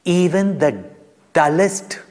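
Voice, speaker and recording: Male meditation guide: husky, breathy endings, deliberate emphatic phrasing at a very slow pace, recorded with long reverb. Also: high-pitched, expressive, darkish tone. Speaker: spiritual teacher guiding meditation.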